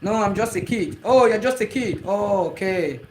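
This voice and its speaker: High-voiced Nigerian man hosting a live stream. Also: expressive, moderate pace, background noise. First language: Igbo. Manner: repetitive, reads out and answers viewer comments. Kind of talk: casual live-stream chat with viewers.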